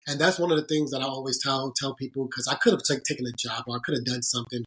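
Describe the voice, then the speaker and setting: The audio is low quality, carrying a man's mid-range, fairly bright voice with fairly even intonation. Interviewed for a podcast, he tells reflective stories about working as a sports agent, sincere and thoughtful but halting, with many restarts.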